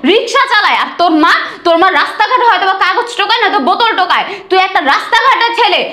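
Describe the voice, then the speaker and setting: A high-voiced, arrogant rich bride, played by a young woman in a short drama, rattling off sneering insults at speed. The room is echoey. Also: animated, quick pace, background noise. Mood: contemptuous.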